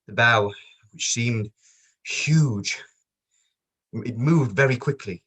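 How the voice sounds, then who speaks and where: During a play table read, a man voices a sombre witness at a disaster inquiry, delivering his lines in a measured, plain way. His mid-range voice is fairly bright and slightly rough.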